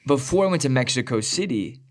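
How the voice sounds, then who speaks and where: A man's voice: mid-range voice, expressive, brisk. Laid-back young man, full of likes. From Southern California. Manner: casual, lots of filler likes. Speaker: podcast co-host. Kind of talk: casual conversation.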